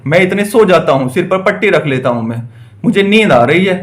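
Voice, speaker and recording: A man voicing a kindly old holy man with magic in a doll play story, slow and reassuring. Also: high-pitched, animated.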